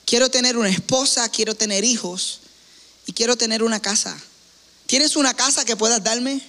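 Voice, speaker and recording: A man's voice: very high-pitched, moderate pace, bright, forceful tone, exaggerated voice. A man voicing a self-centred boy who grows into an old man, speaking plainly and matter-of-factly. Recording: long hall reverb.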